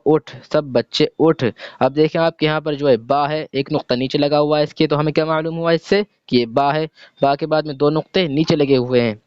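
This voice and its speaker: A man's voice: fairly high pitch, clear, resonant tone, no room sound. Patient man teaching reading, dull dry recording. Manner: patient, explains letter by letter and sounds words out slowly. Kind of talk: step-by-step reading lesson.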